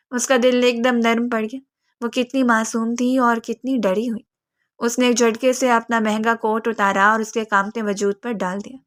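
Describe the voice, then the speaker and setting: A woman narrates a romance novel in a steady, even voice. Her pitch sits slightly high and the reading stays scripted and measured.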